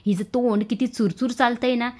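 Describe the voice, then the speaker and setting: A woman's voice: on the high side, steady tone, a little fast, warm tone, voice pushed up, natural voice. A woman voicing a mocking, needling woman relative in a TV serial recap.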